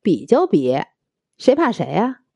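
A woman's voice: mid-range voice, wildly swooping pitch, unhurried, gravelly, warm tone, husky, dry recording, heavily acted. A woman voicing a cheeky young man who drives a battered car, whining and wheedling in a storybook tale. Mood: defiant.

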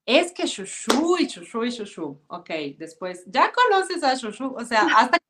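Brazilian woman speaking Spanish, relaxed. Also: fairly high pitch, a little slow, background noise. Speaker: guest, former model and influencer. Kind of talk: casual interview chat.

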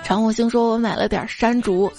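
Playful high-voiced woman reading jokes. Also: fairly even intonation, fairly quick, gravelly, a little mellow, soft background music. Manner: playful, acts out quoted voices. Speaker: radio show host.

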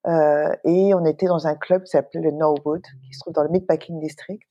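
A middle-aged woman, a guest entrepreneur, telling an anecdote in a lively, animated way with plenty of fillers. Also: low-pitched, fairly quick, highs cut off. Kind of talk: casual storytelling in an interview.

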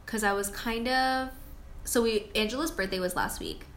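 A woman's voice: fairly high pitch, moderate pace, a bit bright, reverberant. Young woman co-host, hesitant rambling chat, faint background noise. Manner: rambling, hesitant, lots of likes. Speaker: podcast co-host. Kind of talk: casual podcast chat.

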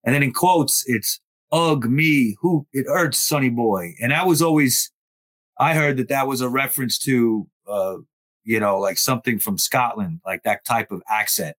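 A man hosting a podcast, reading a letter aloud slowly and then asking his co-hosts questions. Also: mid-range voice, fairly bright tone. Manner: reads quotes aloud slowly, then asks the group questions. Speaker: podcast host. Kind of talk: casual podcast discussion.

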